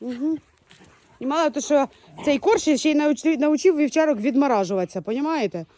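A woman from Ukraine, a dog breeder, chatting casually outdoors in a village yard and shouting her dogs' names between laughs. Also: high voice, fairly quick, no room sound. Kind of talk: casual vlog commentary.

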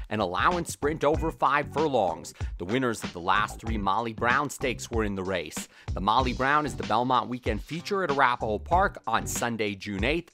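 Man, scripted sports preview narration, medium pitch, voice-over, music behind.

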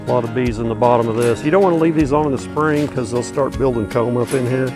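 Working his hives in a wooded bee yard, a beekeeper vlogger narrates casually and folksily, talking fast and thinking aloud between fillers. His voice is middle-pitched, and clear music and buzzing bees fill the outdoor background.

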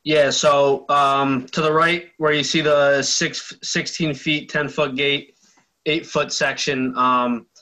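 A man's voice: medium pitch, sharp tone, poor audio. A man applying for a fence variance, explaining plainly over a video call with some ums. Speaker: applicant.

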